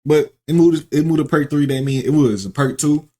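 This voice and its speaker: A man's voice: on the high side, normal speed, dark tone. A man giving casual, off-the-cuff gaming reactions in slangy, repetitive, stop-and-start phrases.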